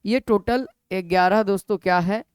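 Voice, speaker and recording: Man teaching exam prep, smooth dry voice. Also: sits high, moderate pace, no echo. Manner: repetitive, drills key points and asks students questions.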